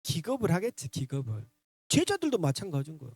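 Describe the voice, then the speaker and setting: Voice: medium pitch, huge pitch swings, fast talker, darkish tone, husky, dry recording, studio quality. A pastor preaching an Easter sermon in a church, constantly addressing the congregation and repeating points for emphasis. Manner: emphatic repetition, acts out voices in the story. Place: church sanctuary.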